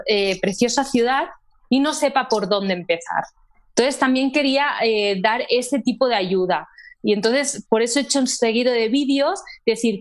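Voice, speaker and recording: Chatty Spanish woman with a Barcelona accent. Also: fairly high pitch. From Catalonia, Spain. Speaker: actress, guest. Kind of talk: casual interview chat. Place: home room, indoors. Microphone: earphone headset on a video call.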